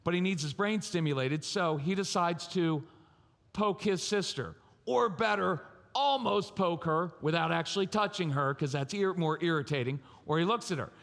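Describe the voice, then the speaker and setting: A man giving a live talk to a conference crowd, lively and joking as he speaks straight to them. His voice sits fairly high for a man and rings through a large, reverberant hall from a stage microphone. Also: normal speed, gravelly. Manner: lively, humorous, addresses audience directly.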